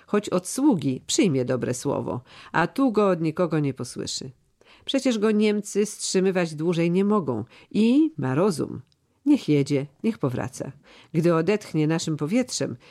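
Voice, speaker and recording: A man's voice: on the high side, very animated, measured pace, a little mellow. A man reading the part of an aging, loyal steward who speaks in a solemn, earnest, old-fashioned way. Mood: grave, earnest. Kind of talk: audiobook character reading.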